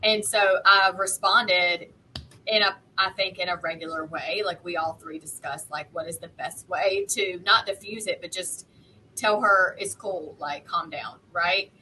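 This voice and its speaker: A woman's voice: fairly low pitch, measured pace, bright, forceful tone, a little hiss or hum, rough recording. A woman talking frankly and matter-of-factly in a casual group discussion. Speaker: online content creator and panelist.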